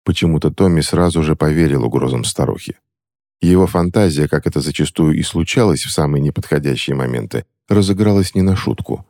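Deep expressive male audiobook narrator. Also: fairly quick, no room sound, studio quality. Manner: expressive storytelling.

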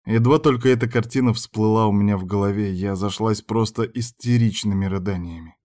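Low-voiced male audiobook narrator. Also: fairly even intonation, fairly quick, a little mellow. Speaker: audiobook reader. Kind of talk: scripted narration.

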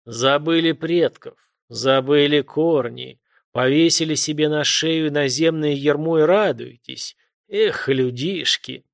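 A man voicing a gruff ancient warrior god who speaks slowly and scornfully, with heavy pauses. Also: on the high side. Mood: stern. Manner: slow, weighty, scornful pronouncements.

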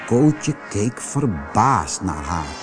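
A man narrating a children's storybook in an expressive, animated way. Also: on the low side, drawn-out words, over music.

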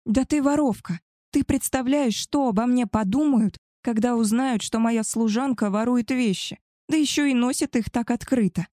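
A woman's voice: mid-range voice, moderate pace, warm tone, no echo, studio quality, natural voice. A woman voicing an arrogant, spoiled young she-wolf woman who talks down to others in a haughty, contemptuous way. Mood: indignant shouting. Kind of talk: audiobook character voice.

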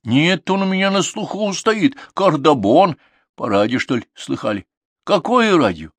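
Old village grandmother played by a man, singsong drawn-out speech, raised pitch, dry studio audiobook. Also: big pitch swings, dry recording. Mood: earnest. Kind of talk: audiobook character reading.

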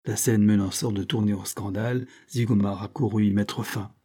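Husky-voiced male audiobook narrator. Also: on the low side, fairly even intonation, normal speed, dark tone. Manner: dramatic storytelling. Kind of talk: scripted narration.

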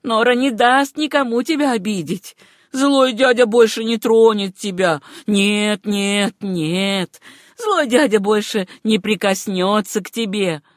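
A reader doing an old nurse softly soothing a baby. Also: female voice, mid-range voice, slow pace, dry recording, clean studio sound, lightly acted. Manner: soft soothing murmur.

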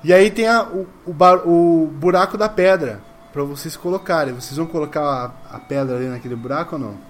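A man's voice: fairly high pitch, a little fast, a little hiss or hum. A man with a Brazilian Portuguese accent running a live tabletop game as game master, laughing, swearing and teasing his players.

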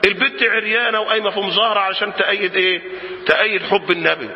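Egyptian male preacher, high voice, roomy hall reverb, dull lo-fi recording, lively back-and-forth sermon. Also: rapid-fire, vocal fry. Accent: Egyptian Arabic. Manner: lively, swings from murmurs to shouts, asks the crowd questions. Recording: echoey hall, dull lo-fi sound.

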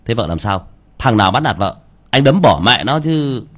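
A man's voice: medium pitch, sing-song, moderate pace, fairly bright tone. A man voicing a blunt, crude-talking young village cowherd. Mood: casual boasting.

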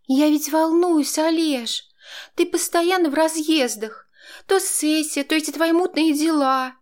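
Guy doing a high-pitched young mom, nervy and tearful, pleading and yelling at her husband, audiobook. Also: a little slow. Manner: pleading, then shrill and shouting. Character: young mother, nervous, quarrelsome, tearful wife.

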